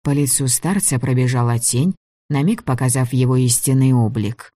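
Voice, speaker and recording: A man narrates a fantasy audiobook in a steady, measured way. His voice is mid-pitched for a man. The sound is close and dry, with no room around it. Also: no echo.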